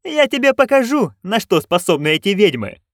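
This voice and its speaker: A man voicing a haughty, scheming duchess in an audiobook, with a commanding, sharp manner. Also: high voice, big pitch swings, moderate pace, dry recording, clean studio sound, pitched above the performer's own voice. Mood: imperious. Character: haughty shrill noblewoman, imperious and scheming. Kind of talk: audiobook character voice.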